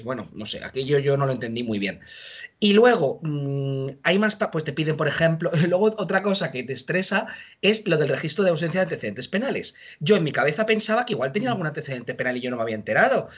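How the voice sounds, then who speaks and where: A man in his thirties telling lively, self-mocking anecdotes in a casual interview. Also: mid-range voice, quick pace, slightly rough. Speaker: judge.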